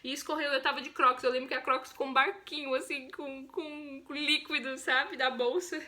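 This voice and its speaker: A young woman with a Brazilian Portuguese accent narrates her own birth in an expressive, talkative vlog. Her voice sits high, and she keeps a moderate pace.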